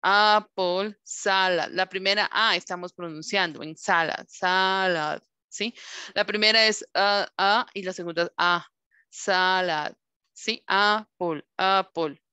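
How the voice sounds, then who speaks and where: Woman teacher, slow and patient, crisp bright voice, dry close sound. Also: mid-range voice, fairly even intonation, no echo. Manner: slow, patient drilling of words, checking in with ¿sí?. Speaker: English teacher. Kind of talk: online class lesson.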